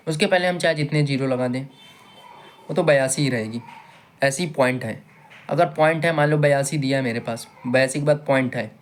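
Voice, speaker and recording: This maths teacher has a mid-range voice, with a little hiss or hum on the recording. He explains the lesson step by step, patiently repeating himself and quizzing his students.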